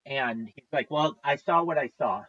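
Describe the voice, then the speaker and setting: A man's voice: mid-range voice, normal speed, no echo, muffled recording. A man in his thirties, a livestreamer, tells a long story in a casual, profane, exasperated way. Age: 30s.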